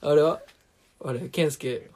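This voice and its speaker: A man's voice: fairly high pitch, steady tone, slow, noisy background. A young man co-hosting a casual comedy radio talk, rambling through a story and teasing his partner. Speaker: radio show co-host.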